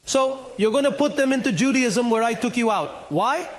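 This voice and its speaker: A man's voice: extremely high pitch, normal speed. A man preaching a sermon at a church conference, emphatic and full of rhetorical questions.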